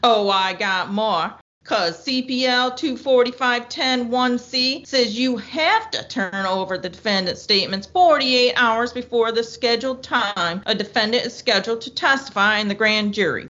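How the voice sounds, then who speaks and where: A woman's voice: a little high, pushed and bright. A woman voicing a feisty defense lawyer who argues indignantly in country talk. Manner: indignant, rapid legal arguing, country talk. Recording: muffled lo-fi audio.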